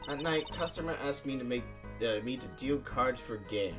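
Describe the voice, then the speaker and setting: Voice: mid-range voice, expressive, moderate pace, music in the background, voice pushed down, close to an everyday voice. A streamer voicing a brusque young Russian waitress in a put-on Russian accent with broken grammar, in a game let's play. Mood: curt. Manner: broken grammar, curt statements.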